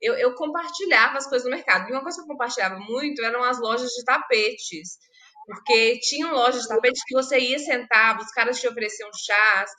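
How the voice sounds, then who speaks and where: Podcast guest from Brazil, woman, high and sharp tone, lively anecdotal storyteller. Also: fairly quick. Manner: animated, laughs while telling anecdotes. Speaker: podcast guest, humanitarian pharmacist. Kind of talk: casual storytelling.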